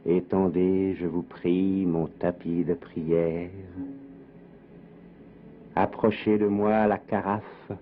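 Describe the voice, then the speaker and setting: Slow deep-ish guy reading a documentary script all solemn, sounds like an old 1950s tv broadcast. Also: little pitch movement, slight background noise. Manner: solemn, measured and poetic. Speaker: documentary narrator. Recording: dull lo-fi 1958 archive with music. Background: plucked guitar music.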